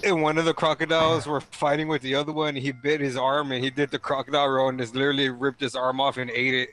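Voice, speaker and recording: A man's voice: medium pitch, level tone, fast, a bit bright. A man chatting casually with a friend, laughing so hard he is breathless and has the hiccups. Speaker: gaming video co-star. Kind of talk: casual chat between friends.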